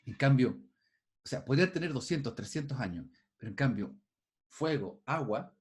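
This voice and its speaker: A man's voice: mid-range voice, lively intonation, normal speed. A male teacher giving an online class over a video call, thinking aloud with frequent restarts and putting questions to his students.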